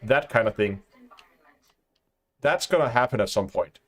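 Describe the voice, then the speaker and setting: Male panelist, casual chat, mid pitch, restarts a lot while thinking aloud. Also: lively intonation, a little slow, a bit bright.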